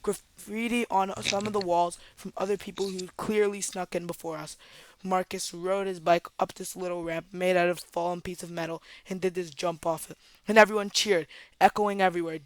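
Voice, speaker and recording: A woman's voice: lowish voice, dry recording. A woman telling a story in a storytime vlog, in a dramatic, chatty way that speaks straight to viewers. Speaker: storytime vlogger.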